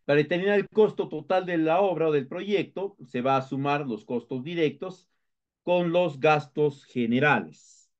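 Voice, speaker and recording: A man's voice: a little high, moderate pace. A man with a Peruvian Spanish accent teaching a lecture, explaining step by step with frequent hesitations and restarts. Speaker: instructor. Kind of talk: recorded lecture. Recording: dull lo-fi lecture recording.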